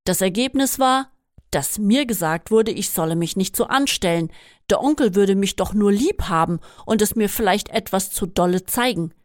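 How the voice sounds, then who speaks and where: A woman reading a first-person memoir aloud in a steady, measured way. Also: mid-range voice, no echo, clean studio sound. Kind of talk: scripted first-person narration.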